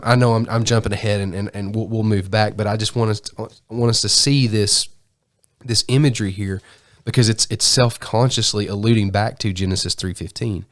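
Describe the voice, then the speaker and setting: Man, low voice, under the weather, casual podcast Bible talk, self-correcting, dry close mic. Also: steady tone, normal speed, no echo. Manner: restarts often, self-correcting. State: sick voice. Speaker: podcast co-host. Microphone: studio mic.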